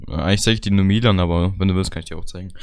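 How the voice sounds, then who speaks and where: A man's voice: sits low, rapid-fire, creaky, a little mellow, dry recording. Young man with a strained voice, joking. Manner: joking, laughs often, slangy. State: strained voice from shouting. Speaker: podcast host. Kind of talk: casual podcast chat. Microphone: online call.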